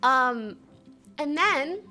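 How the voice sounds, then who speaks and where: A woman streamer telling a story in casual chat to her viewers, animated and slangy, laughing often and swearing now and then. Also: sits high, extremely slow, faint music behind.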